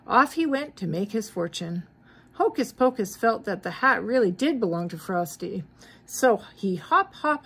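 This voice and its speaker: A grandmother, middle-aged or older and nursing a mild cold, reads a children's story expressively to her grandchildren and pauses to ask them questions. Her voice is a little high, somewhat bright, and slightly rough.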